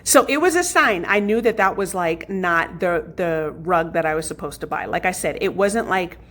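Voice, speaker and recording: A woman home vlogger casually telling viewers a story, chatty and animated, often saying "y'all". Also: on the low side, moderate pace, a little hiss or hum.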